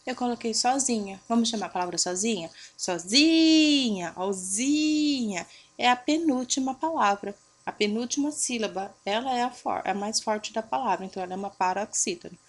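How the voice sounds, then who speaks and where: Patient woman teacher stretching out syllables. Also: a little high. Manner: stretches out stressed syllables to show them; patient, checks in with "tá?" and "ok?". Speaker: primary school teacher. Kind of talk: going over homework answers for children.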